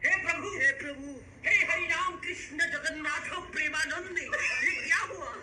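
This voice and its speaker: A man's voice: very high voice, steady tone, normal speed, sharp tone, exaggerated voice. A man voicing a devotee who chants divine names and then cracks a joke. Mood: chanting. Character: devotional man praying aloud.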